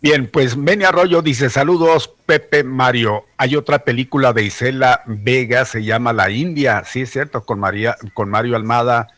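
A man's voice: mid-range voice, moderate pace, few pauses, a bit bright, dry recording. A man, co-hosting a show, chatting and reading out listener comments, often hesitant and breaking off mid-sentence. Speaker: co-host. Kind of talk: casual on-air chat, reading listener comments.

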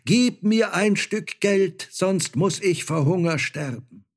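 A man voicing a starving, desperate leper who begs, with a drawn-out, pleading manner. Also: high-pitched, expressive, pitched above the performer's own voice, exaggerated voice. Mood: begging.

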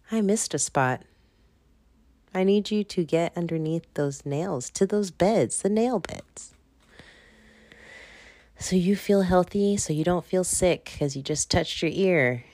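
A woman with a low voice hosts her podcast alone at home late at night, talking into a phone. She sounds tired and rambles casually, keeping her voice hushed and sometimes dropping to a half-whisper. The sound is dry and close. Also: no room sound. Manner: rambling and chatty, laughs at herself; half-whispering at times to keep quiet. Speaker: podcast host. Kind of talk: casual solo podcast monologue.

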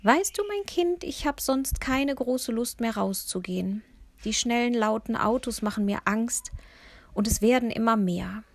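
A woman voicing a frail, kindly, slightly muddled very old lady in a children's storybook, in a high, gentle voice. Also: lively intonation, a little slow, dry recording. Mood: chatty. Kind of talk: storybook character voice.

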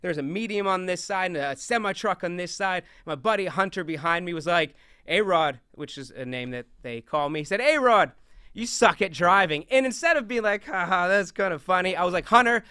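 Preaching on scripture from a stage, this young youth speaker has a loud, big voice that's crisp, bright, and slightly higher than typical for a man. He's brisk and animated, gesturing and roaming constantly, captured close and dry with no echo.

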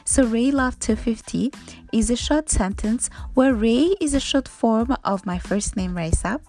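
A woman's voice: fairly high pitch, unhurried, a little mellow, soft background music. A young woman from Rwanda hosting her own podcast, upbeat and playful, giving a motivational talk. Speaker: podcast host. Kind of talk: solo podcast monologue.

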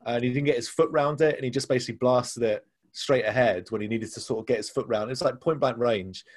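A man's voice: mid-range voice, brisk. A man discussing football casually as a podcast co-host, explaining his points analytically.

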